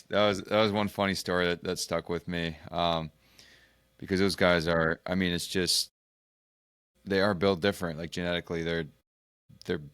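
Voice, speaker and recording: A man hosting a casual interview as a physical therapist, talking haltingly with many restarts. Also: sits low, a bit bright, no room sound. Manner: halting, searching for words. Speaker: physical therapist and podcast host.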